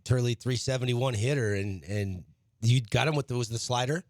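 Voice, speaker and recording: A man's voice: medium pitch, normal speed, a little mellow, no room sound. A man hosting a sports talk radio show, eagerly stacking questions for the players in the studio.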